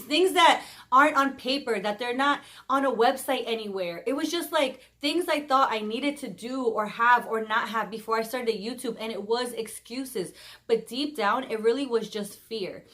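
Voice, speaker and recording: A woman of about thirty talking to camera in a casual vlog, openly expressive and chatty, speaking of her faith. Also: a little high. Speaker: vlogger.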